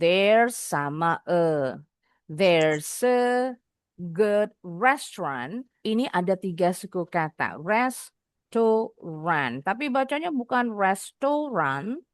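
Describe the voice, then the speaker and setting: A woman with an Indonesian accent teaching an online English class for kids. She explains in Indonesian and says English words slowly for the class to repeat. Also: medium pitch, no room sound, clean studio sound.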